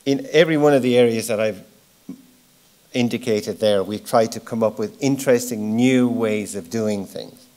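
A middle-aged man gives an informal, explanatory keynote at a lectern in a large wood-panelled auditorium, speaking into a gooseneck microphone. His voice is on the low side and dark in tone, his pace moderate; he's plain-spoken, stresses key words and lets the ends of phrases trail off.

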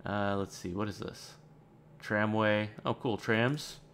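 A man with a fairly low voice plays through a game, offering laid-back let's-play commentary. He rambles as he thinks out loud, tossing in dry, sarcastic remarks, and speaks slowly over slight background noise.

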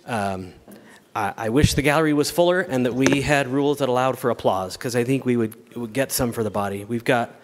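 A man's voice: mid-range voice, brisk, background noise. An American man in his fifties giving a legislative floor speech as a state senator, explaining things with emphasis. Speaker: state senator presenting a bill. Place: large indoor legislative chamber. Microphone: podium gooseneck microphone. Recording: reverberant large chamber.

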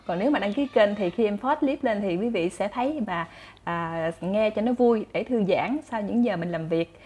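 A woman with a Southern Vietnamese accent, chatty and animated, telling folk stories to her listeners as a channel host. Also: mid-range voice, normal speed. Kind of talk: casual folk storytelling.

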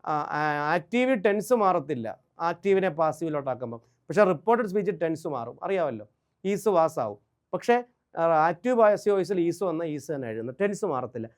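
A man with a Malayali accent teaching an exam-prep grammar lesson. His voice sits a little higher than most men's. He drills each rule by saying it again and stops to ask whether everyone follows. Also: very animated, fairly quick. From Kerala. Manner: drills rules by repeating them and checking "understood?".

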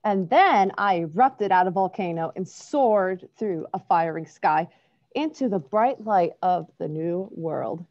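A woman reading aloud as a calm old rock, content and matter-of-fact. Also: on the low side, unhurried, highs cut off.

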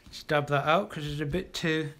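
A man with a fairly high voice guides a live painting class, encouraging the viewers as he works. He talks in a loose, chatty way, full of ums and restarts while his brush moves. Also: steady tone, moderate pace, a bit bright. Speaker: illustrator teaching a live art class. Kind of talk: casual live draw-along class.

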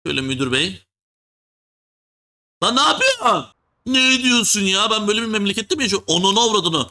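A man hosting a gaming video, joking and teasing as he plays, full of slang and often dropping into a low mock voice. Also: very animated, fast, bright, forceful tone. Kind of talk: joking let's-play commentary.

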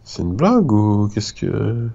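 A man's voice: fairly low pitch, very animated, takes it slowly, vocal fry, dark tone, muffled recording. A man chatting casually and jokingly with a friend as he plays a video game. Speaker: gamer. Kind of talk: casual gameplay chat with a friend.

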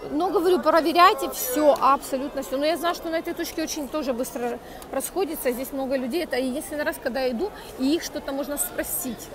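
A high-voiced woman talks fast as she vlogs her way through a busy outdoor market, chatting to viewers and haggling with sellers. A Russian speaker, she uses accented Turkish, and the crowd noise comes through on her phone camera's earphone mic.

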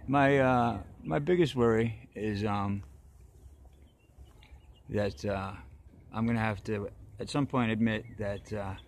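A man's voice: fairly low pitch, takes it slowly. A man hosting his own vlog outdoors at dusk, rambling hesitantly with many fillers and dry, joking asides. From northeastern United States. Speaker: vlog host. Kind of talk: rambling casual monologue.

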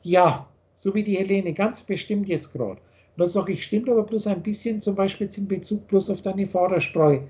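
Over a video call webcam, an older man in his home office insists on his spiritual teachings while gesturing constantly. He speaks in a high-pitched voice with a darkish tone.

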